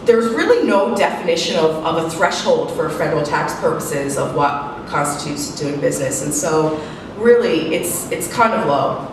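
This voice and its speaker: A woman with a low, congested voice gives a professional presentation from some distance away. The room is very echoey with clear background noise. She explains things haltingly and sounds a little sniffly from a head cold. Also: animated. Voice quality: slightly muffled, sniffly, congested. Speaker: senior tax manager presenting.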